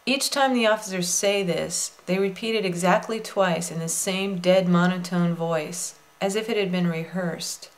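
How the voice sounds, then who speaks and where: A woman's voice: fairly low pitch, moderate pace, few pauses. A woman narrating a documentary in a pointed, critical manner.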